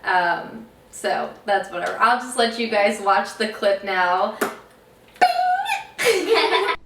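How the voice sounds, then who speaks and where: A woman's voice: medium pitch, fairly even intonation, measured pace, gravelly, background noise. A young woman chatting casually as a family vlogger, recorded in an echoey room at some distance from the mic. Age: young adult. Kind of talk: casual chat to camera and on calls.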